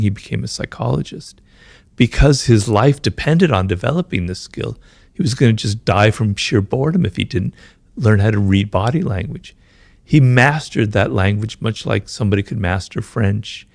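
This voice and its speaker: A man answering interview questions, explaining at length, talks fast and keeps checking in with "right?" and "you know". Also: medium pitch, creaky, darkish tone, no room sound. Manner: talks fast, says his mind races. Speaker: author being interviewed.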